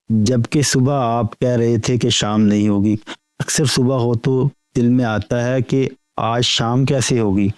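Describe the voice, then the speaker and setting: A man reading a Sufi spiritual lecture aloud in a measured, deliberate way, often repeating phrases. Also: medium pitch, a little mellow, no room sound. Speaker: reader of spiritual talks.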